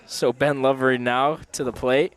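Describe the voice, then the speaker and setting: A man calling live college baseball play-by-play from a ballpark press box, fast with his calls and quick to laugh. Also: medium pitch, fairly even intonation. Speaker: play-by-play commentator.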